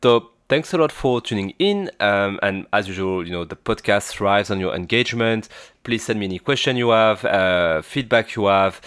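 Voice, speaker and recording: A man's voice: on the low side, lively intonation, normal speed, fairly bright tone, clean tone, no room sound, studio quality. A man with a French accent hosting a solo finance podcast, talking with many fillers and restarts. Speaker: podcast host. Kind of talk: solo stock-analysis podcast. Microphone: new podcast mic.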